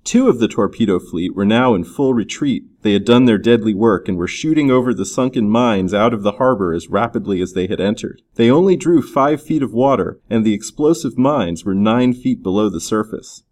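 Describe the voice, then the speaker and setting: A man narrating an adventure story in an expressive, storytelling manner. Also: fairly low pitch, moderate pace, hardly any pauses. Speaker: audiobook narrator. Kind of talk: scripted narration.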